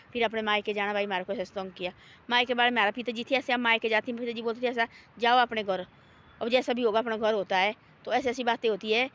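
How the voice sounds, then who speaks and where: A woman talking casually outdoors in a forest, homely and repetitive, gently moralizing. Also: on the high side. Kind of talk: casual rambling talk.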